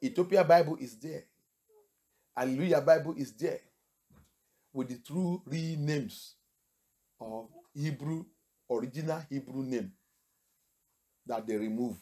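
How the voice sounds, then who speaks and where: Moving between English and French, a male pastor pelts his congregation with rhetorical questions, his sermon climbing to shouts. He speaks slowly at a medium pitch, leaving long pauses.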